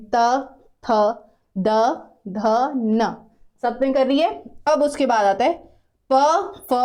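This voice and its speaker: Patient Hindi teacher, woman, high voice. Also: darkish tone. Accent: Uttarakhand Hindi. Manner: explains patiently, repeats sounds and asks students to try them. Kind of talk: classroom lesson.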